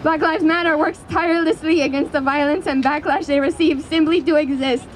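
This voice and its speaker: High-voiced woman giving an impassioned speech. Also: fairly even intonation. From Canada. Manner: earnest, impassioned, deliberate oratory. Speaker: activist speaker at a rally. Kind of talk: prepared public speech. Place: outdoors in a city square. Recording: outdoor public square with city traffic noise.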